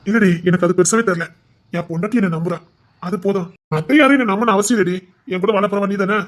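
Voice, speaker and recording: A woman's voice: mid-range voice, quick pace, natural voice. A woman voicing a loyal, tender husband and brother in a family serial, speaking earnestly with a Tirunelveli Tamil accent. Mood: reassuring.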